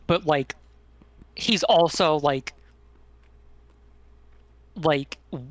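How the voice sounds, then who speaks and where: A man's voice: a little high, drawn-out words, no room sound. A man in casual chat, explaining eagerly with many filler words. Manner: enthusiastic explaining, filler-heavy.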